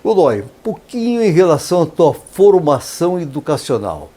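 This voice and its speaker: A man's voice: on the high side, sing-song, moderate pace, dark tone. A man hosting a radio interview in a studio, speaking in a formal, ceremonious way and praising his guest in flowery terms. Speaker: radio interview host, professor.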